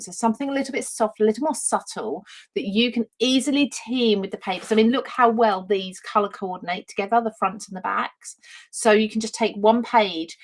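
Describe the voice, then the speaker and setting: A woman's voice: medium pitch, low-quality recording. A woman with an Essex accent, chatting enthusiastically as she presents her own papercraft collection on a live stream and greets viewers by name. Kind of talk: live-stream product demonstration.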